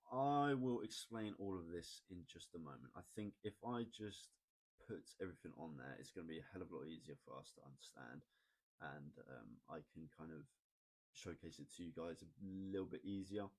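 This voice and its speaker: A man explaining ad data in a casual, chatty screen-recorded tutorial, often asking "right?" and pausing on "um". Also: low voice. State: has the hiccups. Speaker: online marketing tutor.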